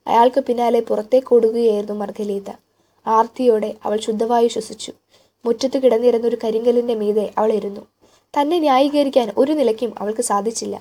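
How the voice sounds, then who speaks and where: Mellow-voiced woman reading a novel aloud. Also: on the high side. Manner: measured, expressive storytelling. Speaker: audiobook narrator.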